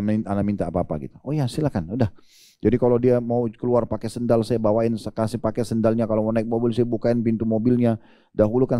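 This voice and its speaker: A male preacher speaks in a warm, dark voice, heard close and dry. He delivers his sermon conversationally, telling stories and rising in pitch when he stresses a point. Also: no echo. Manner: conversational storytelling with rising emphasis.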